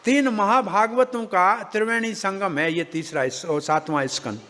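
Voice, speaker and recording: A man giving a devotional scripture discourse, telling the story with animated acting of characters and joking asides. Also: high voice, normal speed, in a large hall, a little hiss or hum.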